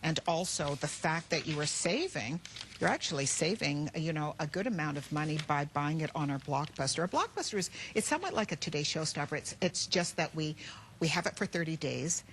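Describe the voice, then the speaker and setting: A woman's voice: deep voice, animated, fairly quick, slight background noise. Effusive woman hosting a shopping channel. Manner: effusive, repeats words and phrases. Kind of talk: live shopping channel presenting, chatty sales talk.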